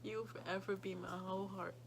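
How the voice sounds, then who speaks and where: A young woman talking in a halting, quiet way, tearful and grieving, often repeating herself. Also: medium pitch, little pitch movement, creaky, noisy background. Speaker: vlogger. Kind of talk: emotional personal vlog.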